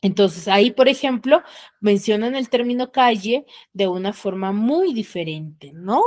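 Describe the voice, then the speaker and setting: A woman's voice: mid-range voice, lively intonation, measured pace, a little mellow. A woman teacher with a Peruvian Spanish accent, giving an online school lesson in an explanatory way and often ending phrases with tag questions, recorded on a computer mic. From Peru. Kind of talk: online class lecture.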